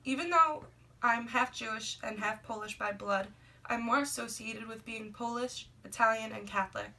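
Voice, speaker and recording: For a class assignment, a twenty-year-old Brooklyn, New York woman steadily reads a script about herself, listing items one after another. Her fairly high voice sounds pushed and bright at a normal speed. The recording is noisy and somewhat distant.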